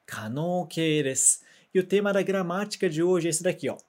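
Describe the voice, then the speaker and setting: A man teaching a grammar lesson, patient and methodical, saying example words slowly for repetition and ending sentences with quick check-in tags. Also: sits high, expressive, darkish tone. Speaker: Japanese language teacher.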